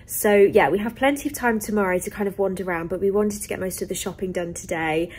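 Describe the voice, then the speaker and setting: A woman's voice: medium pitch, fast talker, darkish tone, breathy edge. A young woman from the UK chatting casually to camera in a travel vlog, full of ums and likes. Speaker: vlogger.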